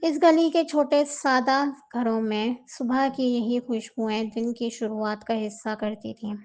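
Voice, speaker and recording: A woman narrating a novel with slow, emotive storytelling. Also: on the high side, steady tone, a little mellow.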